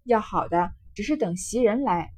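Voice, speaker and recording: A woman reading the lines of a quick-witted young maidservant from a classic novel. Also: mid-range voice, expressive, dark tone, slightly rough. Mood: cheeky.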